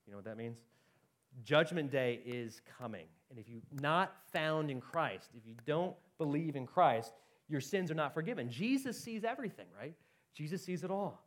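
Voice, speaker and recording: Man preaching an urgent, chatty sermon. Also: on the high side. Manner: urgent, conversational preaching with rapid swings in loudness.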